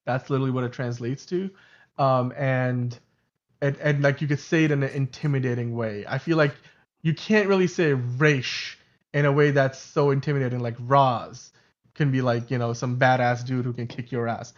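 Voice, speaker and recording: An Urdu-first-language man co-hosting a podcast speaks at normal speed with medium pitch and fairly even intonation, the high frequencies cut off. In this casual livestream chat he stays chatty, laughing and correcting himself often.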